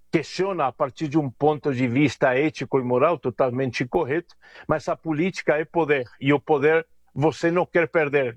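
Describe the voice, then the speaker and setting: A man from Argentina giving measured, analytical political commentary as an interview guest, often hesitating, speaking from home over a video call. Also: a little high, no echo.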